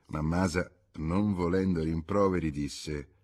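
A man reading a literary novel aloud as a measured audiobook narration. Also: sits low, fairly even intonation, darkish tone. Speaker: audiobook reader. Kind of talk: scripted narration.

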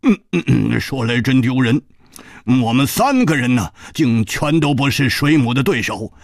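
A man voicing a boisterous young swordsman in a storytelling audiobook, talking high and fast with many fillers. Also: animated, gravelly, no echo, studio quality. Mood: excited.

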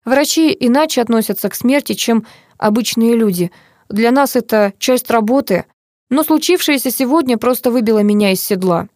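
A woman reading the part of a flustered male head doctor who shouts and snaps at times. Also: on the high side, moderate pace, dry recording, studio quality, voice pushed up, close to an everyday voice. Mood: subdued. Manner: shouting, flustered, then curt. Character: agitated middle-aged male head doctor.

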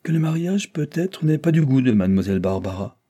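A man's voice: mid-range voice, expressive, a little fast, warm tone, slightly rough, pitched above the performer's own voice. A man voicing a composed, good-humoured male lawyer who speaks with cool courtesy. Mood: calm.

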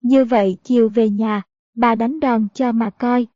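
A woman voicing a rude, hot-tempered male servant who talks in a gruff, threatening way. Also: fairly high pitch, fairly even intonation, measured pace, warm tone, dry recording, natural voice. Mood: scornful. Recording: dull, dry audiobook recording.

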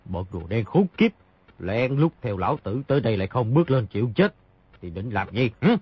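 A boisterous wounded swordsman, played by a male audiobook reader, barks out his lines with rough bravado. The voice swings widely in pitch and sounds slightly husky. The audio is muffled and lo-fi. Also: animated, fast, no echo. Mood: menacing. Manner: rough, boastful, laughs loudly. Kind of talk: audiobook character reading. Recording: dull lo-fi audio.

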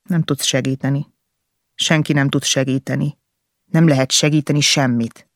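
A man reading a first-person novel aloud as an audiobook narrator, with an intense, emotional delivery in short, halting phrases. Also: mid-range voice, fairly even intonation, no room sound, studio quality.

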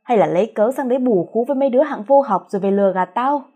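A woman doing a shrill spiteful old mother-in-law. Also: lively intonation, very fast, dark tone, breathy edge, dull audio. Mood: furious. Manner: screeching, scolding.

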